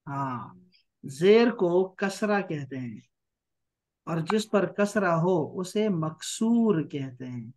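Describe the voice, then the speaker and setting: A man teaching an online Arabic grammar class, patiently repeating key terms slowly. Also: on the high side, animated, a little mellow. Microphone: online class mic.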